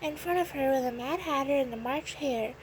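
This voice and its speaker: A woman narrating a children's storybook with a gentle, expressive read-aloud delivery. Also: high-pitched, brisk, slight background noise, poor audio.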